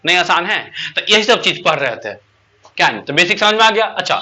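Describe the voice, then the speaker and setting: A man's voice: sits high, sharp tone. A man teaching a class, drilling students by asking questions and answering them himself. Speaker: English teacher. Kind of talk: classroom lesson.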